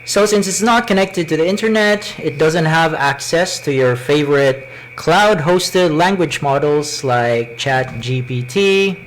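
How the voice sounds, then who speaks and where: A man with a Cebuano Filipino accent presents a live tech demonstration in deliberate, measured short phrases, speaking into a wired microphone. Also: on the high side, a little hiss or hum, poor audio. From Philippines. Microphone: wired microphone into a laptop.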